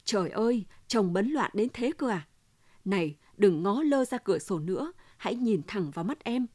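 A woman's voice: medium pitch, expressive, moderate pace, mellow, no echo, clean studio sound, lightly acted. A woman voicing a distraught wife who keeps pressing her husband for the truth, in an insistent, pleading manner.

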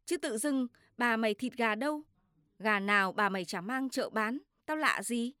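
A woman voicing a harsh, quick-tempered village mother who shouts and scolds her child, in a storybook reading. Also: on the high side, smooth, no room sound, clean studio sound. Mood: angry scolding.

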